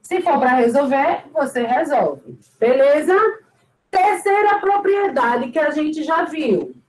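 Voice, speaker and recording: A woman's voice: high-pitched, lively intonation, takes it slowly, darkish tone, echoey room, rough recording. A woman teaching a math lesson to students, patiently repeating each key point and stressing it. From Brazil.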